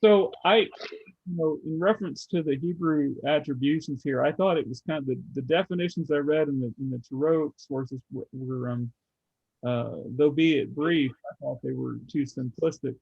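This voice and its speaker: Gravelly man with halting speech. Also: on the high side, no echo. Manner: halting, many restarts, thinks aloud. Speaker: study group member. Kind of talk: casual group discussion. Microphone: video call. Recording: muffled video call audio.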